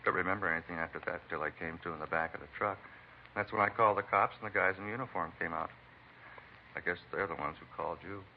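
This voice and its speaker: In 1940s-50s radio acting, a man with a low, creaky voice speaks fast as a beaten American truck driver, a talkative, folksy eccentric and self-proclaimed bump-reader. He rambles wearily through his story in plain working-man language; the recording is muffled vintage radio with faint hiss.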